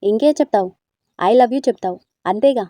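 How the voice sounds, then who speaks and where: A woman's voice: on the high side, normal speed, no echo, studio quality, lightly acted. Woman reading as a feisty, bossy young woman. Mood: scolding. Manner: sharp, scolding and teasing.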